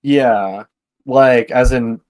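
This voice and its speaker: A man's voice: mid-range voice, drawn-out words, a little mellow. A young man chatting easily with a friend. He is agreeable and hedges his points, stumbling and repeating words as he gets going. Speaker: co-host. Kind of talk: casual chat.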